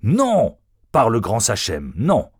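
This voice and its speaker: A man's voice: on the low side, animated, unhurried, dry recording, clean studio sound. A man voicing a menacing, vengeful male outlaw who speaks sternly and threateningly.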